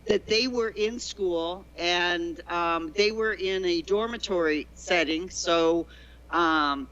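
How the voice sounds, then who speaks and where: A woman who used to teach in China chats as a guest in a casual interview, telling long, wandering stories about teaching and restarting often. Her voice is on the low side, slow and a bit bright. The audio sounds dull.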